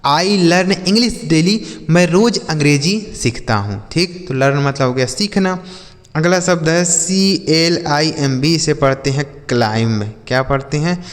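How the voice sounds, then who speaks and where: A man teaching English vocabulary from Hindi, spelling each word letter by letter and slowly repeating every example sentence. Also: fairly high pitch, in a large hall. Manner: asks the listener questions and answers them himself. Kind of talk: slow, drilled vocabulary lesson.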